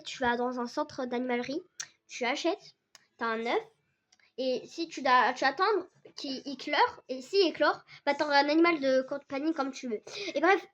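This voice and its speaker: A young woman with a sore, hoarse throat, rambling excitedly in casual game commentary for her channel. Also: sits high. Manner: rambling, excitable, many restarts and fillers. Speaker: gaming channel host. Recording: dull lo-fi recording.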